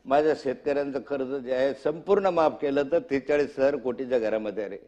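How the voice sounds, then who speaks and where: A man's voice: medium pitch, fast talker, warm tone, highs cut off. A male legislator giving an impassioned, rhetorical assembly speech, accusing the government in a fiery tone. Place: state legislative assembly chamber.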